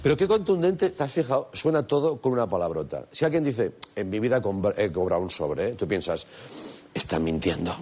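Lively comic male talk-show host. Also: mid-range voice, brisk, few pauses. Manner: playful, mocking, lively asides. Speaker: late-night comedy host. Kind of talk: comic monologue. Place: TV studio with a live audience. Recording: studio audience and noise.

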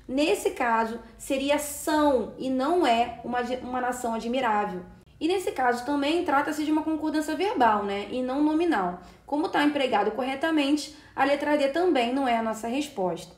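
High-voiced Brazilian woman teaching in an echoey room. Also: animated, normal speed. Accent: Brazilian Portuguese. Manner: explanatory, checks in with "né" and "tá". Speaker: Portuguese teacher. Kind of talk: exam-prep lesson. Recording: roomy echo.

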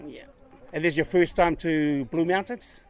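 At an outdoor lookout, a travel vlogger from New Zealand holds his camera out at arm's length and makes upbeat, chatty conversation with passers-by, laughing frequently. His voice sits on the high side with fairly even intonation, normal speed, and a touch of mellowness.

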